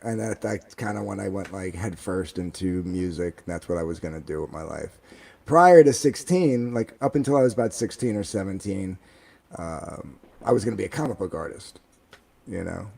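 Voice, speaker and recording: A man in his forties, a guest in a casual chat, telling long stories in a rambling, animated way full of fillers. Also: deep voice, moderate pace, vocal fry, breathy edge.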